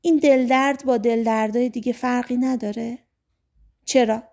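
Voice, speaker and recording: Woman voicing a gentle teenage boy. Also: fairly high pitch, steady tone, natural voice.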